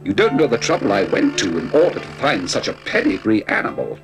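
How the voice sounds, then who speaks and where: A man's voice: lowish voice, huge pitch swings, brisk, vocal fry, music in the background, full character voice, low-quality recording. A man voicing a polite, long-suffering male robot butler who talks in a formal, dry way and calls his master sir.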